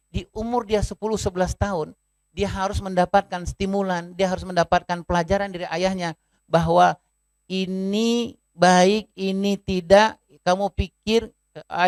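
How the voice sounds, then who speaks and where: A man's voice: sits high, darkish tone, no echo. Man giving a dry, conversational parenting talk. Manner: conversational, often addresses listeners as "Bun"; acts out short family dialogues in his talk. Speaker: parenting speaker.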